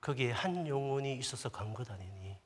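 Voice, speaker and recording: A male pastor voicing the Lord as a gentle inner voice, soft and sometimes whispered, in a sermon. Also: medium pitch, animated, a little fast, husky. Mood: tender. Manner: soft, hushed, at times whispered. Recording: long church hall reverb.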